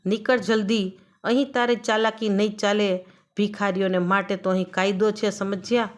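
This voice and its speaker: A woman's voice: medium pitch, fairly even intonation, normal speed, natural voice. A woman voicing a curt, dismissive male station officer who shoos a beggar away.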